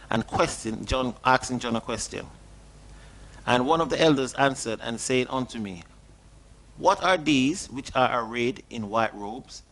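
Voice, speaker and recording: Earnest middle-aged man preaching. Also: a bit bright. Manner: earnest, questioning, stresses words with rising pitch. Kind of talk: sermon with scripture reading. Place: small indoor studio at a desk.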